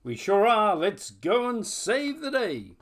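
A man doing a squeaky, kindly female bat. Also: sing-song, takes it slowly, full character voice. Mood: eager. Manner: squeaky, gentle and polite. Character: kind helpful female bat, high squeaky.

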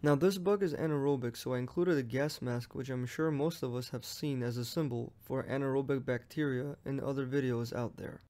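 A man's voice: medium pitch, fairly quick, few pauses, a little mellow. A young man, friendly and explanatory, narrating a drawing lesson for a medical exam as its host.

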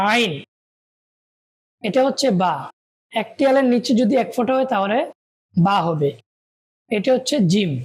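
Woman, Quran reading teacher, patient call-and-repeat drills, fairly high voice, breathy. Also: mellow. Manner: slow, patient, asks and answers her own questions.

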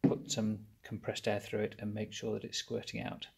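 A man's voice: lowish voice, completely flat delivery, moderate pace, creaky, slight background noise. A man narrating a workshop how-to, explaining each step plainly while he works at a bench. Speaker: engine rebuilder.

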